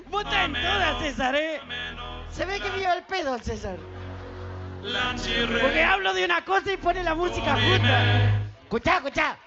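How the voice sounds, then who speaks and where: A man's voice: extremely high pitch, animated, normal speed, gravelly, long pauses, muffled recording, over loud music. A man with an Argentine accent doing crude, teasing stand-up on an outdoor festival stage, laughing at his own jokes. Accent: Argentine Spanish. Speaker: stand-up comedian. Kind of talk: live stand-up joke telling.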